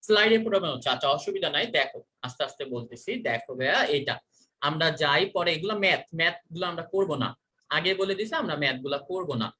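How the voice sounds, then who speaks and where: Lively, bright-voiced teacher. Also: medium pitch, quick pace. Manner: repeats questions and quizzes students. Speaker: chemistry teacher. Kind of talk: online class lecture.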